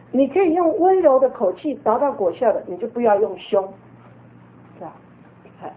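Coaching woman teaching parents, tinny sound. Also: on the high side. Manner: firm, coaching, acts out scolding examples. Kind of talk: instructive talk to parents.

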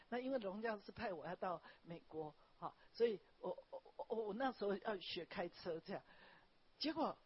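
A woman pastor, preaching a sermon and telling personal stories in an animated way, often tagging her phrases with a small "ha". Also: medium pitch, slightly rough. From Taiwan. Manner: animated storytelling, frequent "ha" tags, wraps points with "okay, like this". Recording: dull lo-fi recording.

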